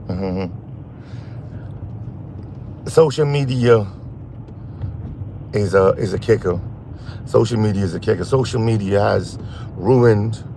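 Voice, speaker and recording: A man hosting a casual phone livestream while driving at night, rambling and halting as he talks to his chat. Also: on the low side, darkish tone, slight background noise. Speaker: live stream host. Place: in a car at night.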